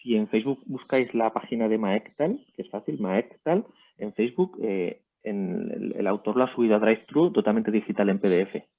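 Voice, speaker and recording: A man's voice: on the low side, normal speed. Chatty man on a tinny line. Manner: chatty, eager to promote. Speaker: writer and guest. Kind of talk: casual interview chat. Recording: tinny phone-like call audio.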